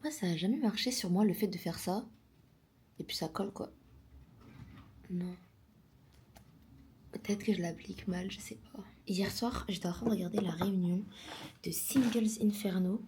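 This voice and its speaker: A woman's voice: medium pitch, moderate pace, pauses often, warm tone, slight background noise. A woman in her twenties chatting casually in a home vlog, rambling and mixing in English words. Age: 20s. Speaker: vlogger.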